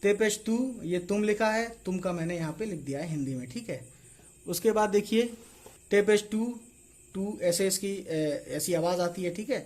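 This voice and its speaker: A man's voice: high-pitched, moderate pace, a little mellow. A man teaching reading as a casual online lesson, spelling out letters and checking in after each point. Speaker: Urdu teacher.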